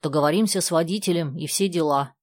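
A woman reading aloud the lines of a confident, argumentative teenage boy in a calm, even manner. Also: low voice, fast talker, dry recording, clean studio sound. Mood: self-assured. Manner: self-assured, argumentative.

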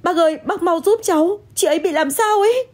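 A woman voicing a frightened young woman who pleads in a high, tearful voice. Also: expressive, normal speed, a little mellow, slightly rough. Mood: panicked, crying. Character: young woman, frightened, then stubbornly honest.

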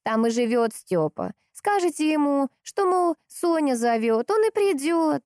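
A woman voicing a chatty elderly village woman, spry and sly, in a high quavering voice. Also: very animated, a little slow, darkish tone, no echo, studio quality. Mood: folksy.

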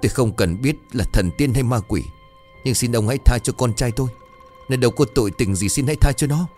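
A man voicing a distraught elderly village mother, shrill and wailing. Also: brisk, darkish tone, faint music behind, close to an everyday voice.

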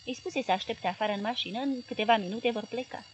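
A woman with a Romanian accent reading a literary novel as an audiobook narrator, in measured, clear narration. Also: on the high side, slight background noise.

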